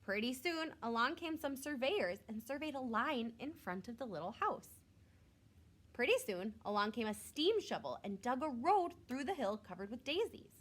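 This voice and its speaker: This is a storybook read-aloud by a woman in a teacher's style, full of lively pitch that moves up and down a great deal. Expressive throughout, she pauses for short, simple asides aimed at the children listening.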